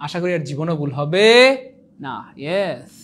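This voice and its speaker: A young man who teaches an exam prep lecture in an animated, teasing way, repeating points and quizzing his viewers. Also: fairly high pitch, normal speed. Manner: animated, repetitive, teasing, asks the viewers questions. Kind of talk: online lecture.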